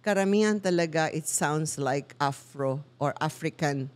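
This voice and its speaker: A middle-aged woman with a Filipino accent hosting a talk show, chatting casually in Tagalog and English. She tells stories with lots of laughter and often jumps up into high voices when she quotes people. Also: a little slow, a little hiss or hum.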